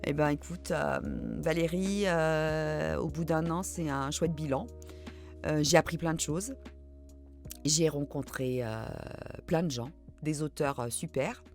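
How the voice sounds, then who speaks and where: A woman's voice: deep voice, unhurried, soft background music. A middle-aged woman hosting a reading channel, chatting casually and poking fun at herself as she answers viewer questions, with lots of hesitant fillers. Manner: chatty, self-deprecating, many hesitant fillers.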